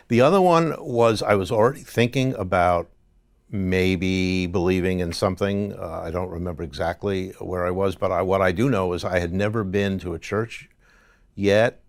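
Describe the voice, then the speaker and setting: Man, middle-aged, very deep voice, gravelly, dry close sound, halting, conversational. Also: no echo. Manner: halting, many restarts. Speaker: interview guest. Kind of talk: conversational testimony.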